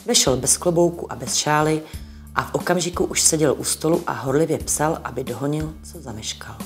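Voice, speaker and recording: A woman reading a storybook aloud with calm, even narration. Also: low-pitched, faint music behind.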